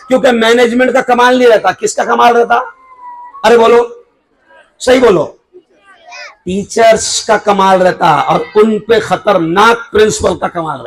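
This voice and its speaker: A middle-aged man with an Indian Urdu accent, a cleric giving a lively parenting sermon at a school function. He speaks with emphasis, prods the crowd with rhetorical questions and sometimes raises his voice to near shouting. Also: very high-pitched, creaky, slight background noise, poor audio. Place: school event hall before an audience.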